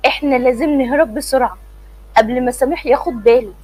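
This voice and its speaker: Woman voicing a frightened young woman, pleading, high husky voice, dry sound. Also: fast, darkish tone, rough recording. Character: scared young woman, pleading and sharp-tongued.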